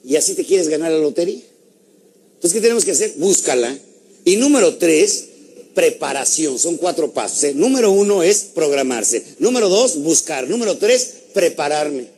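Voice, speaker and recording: A man giving a lively motivational talk, asking his audience questions and acting out little stories. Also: a little high, moderate pace, husky. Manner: animated, asks the audience questions, acts out stories. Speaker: motivational speaker.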